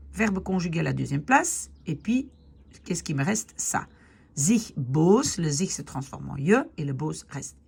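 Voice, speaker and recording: Picture a woman giving a patient grammar lesson, her pitch swinging widely while she takes her time over each step. Her low voice has a husky, gravelly grain. She checks in with her students often and slows right down to spell out each word. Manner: slows down to spell out Dutch words; encouraging, reassures students. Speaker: Dutch teacher.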